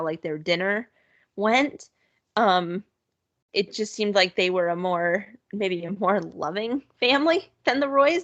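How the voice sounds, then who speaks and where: This podcast co-host chats casually, her medium-pitched voice a little bright and free of echo. She talks loosely, laughs easily, and leans on plenty of "sort of" and "like." The audio is dull and lo-fi.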